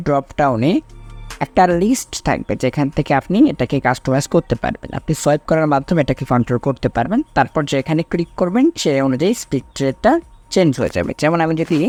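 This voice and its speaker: In a fairly high voice, a man walks through a software tutorial step by step, instructionally repeating each item before explaining it.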